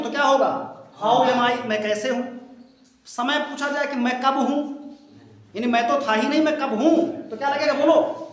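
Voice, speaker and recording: High-voiced teacher in an echoey classroom. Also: male voice. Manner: drills phrases slowly, repeating and questioning the class. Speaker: English teacher. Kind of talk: classroom lesson.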